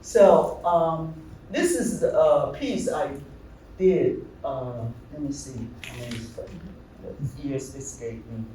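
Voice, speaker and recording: A middle-aged man from Taiwan, a visual artist, giving a halting talk about his slides, often searching for words. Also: on the high side, warm tone, recorded from a distance. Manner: halting, searching for words, many fillers and restarts. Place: large gallery hall. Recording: echoey hall, speaker off-mic, faint room noise.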